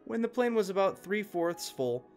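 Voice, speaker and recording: A man giving a scripted narration of an online post in a steady, even reading manner. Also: high voice, moderate pace, faint music behind. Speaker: story narrator.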